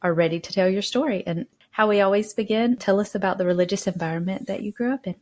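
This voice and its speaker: A woman's voice: mid-range voice, quick pace, a little mellow. A woman interviewing a guest on a podcast, upbeat and encouraging in her replies. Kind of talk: friendly interview.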